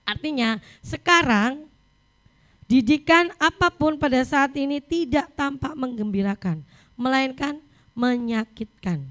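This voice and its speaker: A middle-aged woman preacher delivering a sermon, telling personal stories in a lively way. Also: high-pitched, a little slow. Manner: lively storytelling, mixing in English scripture reading.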